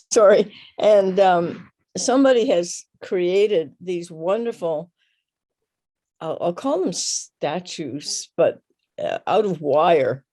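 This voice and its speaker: A woman from Canada speaking up in a video call, halting and searching for words, emotional as she talks. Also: fairly low pitch, expressive, warm tone. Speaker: audience member. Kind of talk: virtual Q&A comment.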